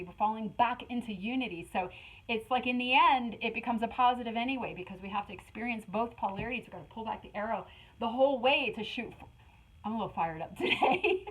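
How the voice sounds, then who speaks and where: A middle-aged woman giving a casual spiritual tarot reading, talking in an animated, rambling way with many fillers. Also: on the high side, rough recording. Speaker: tarot reader.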